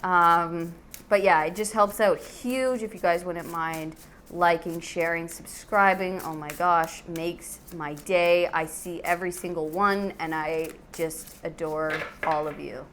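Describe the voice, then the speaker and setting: A woman's lowish, steady, somewhat bright voice moves at an unhurried pace as she hosts a casual tarot reading to camera for her channel. She's chatty, effusive and affectionate toward viewers, with a little hiss or hum in the recording.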